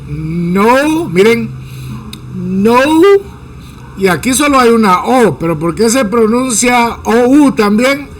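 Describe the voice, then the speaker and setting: A man teaching English pronunciation in a casual, joking lesson, drawing out each sound slowly to demonstrate it. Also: high voice, a little hiss or hum, low-quality recording. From Guatemala. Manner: slow, drawn-out demonstration of sounds, playful jokes.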